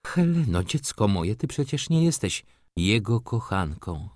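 A man's voice: lowish voice, sing-song, measured pace, a little mellow, dry recording, studio quality. A man doing a fretful pious old mother. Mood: anxious, pleading. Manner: pleading, fretful. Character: elderly anxious pious mother.

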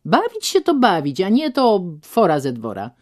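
A woman's voice: mid-range voice, wildly swooping pitch, normal speed, pitched above the performer's own voice. A woman voicing a proud young woman who answers coldly and defiantly, raising her voice. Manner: cold and defiant, loud.

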